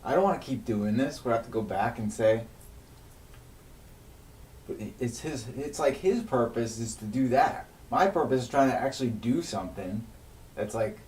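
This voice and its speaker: Man streaming alone, venting on mic, lots of swearing and restarts. Fairly low voice, heard from a few feet back. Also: a little mellow. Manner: agitated, swears heavily, rants with frequent restarts. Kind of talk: unscripted venting monologue on a livestream. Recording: echoey room, mic at a distance, faint noise.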